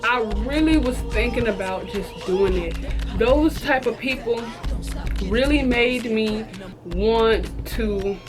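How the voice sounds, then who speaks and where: A storytime vlogger with a fairly high voice tells her viewers a casual story, clearly audible music behind her. She's sassy and slangy, drawing out words for emphasis and now and then slipping into mimicry.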